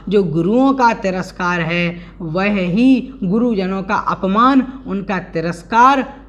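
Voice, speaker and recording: A man's voice: sits high, muffled recording. A man teaching a religious scripture class online, explaining verse by verse, chanting the lines and carefully correcting their pronunciation. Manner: deliberate, spells out pronunciation and chants verses slowly.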